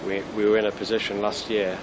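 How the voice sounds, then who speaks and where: A man in a store manager's role, giving measured, businesslike answers in an interview. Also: fairly low pitch, flat delivery, noisy background.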